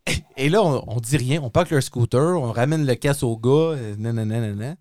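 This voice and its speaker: A man's voice: mid-range voice, a little fast, darkish tone, no room sound, clean studio sound. A man with a Québécois French accent, telling a story in casual chat, laughing often and slipping in English phrases.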